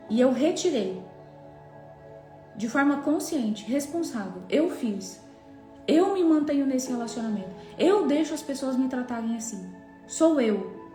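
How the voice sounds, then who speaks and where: A woman's voice: sits high, mellow. A woman giving an emphatic, fervent devotional testimony and acting out prayers and dialogue. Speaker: preacher. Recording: echoey room with faint music.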